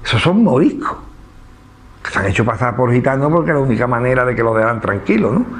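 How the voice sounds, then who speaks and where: A man with an Andalusian Spanish accent speaks to an audience in an easygoing lecture manner. He keeps tossing in rhetorical questions and a tag "¿no?". His voice sits at an ordinary middle pitch for a man. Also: sing-song, fast talker. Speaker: speaker at a book presentation. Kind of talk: informal public lecture.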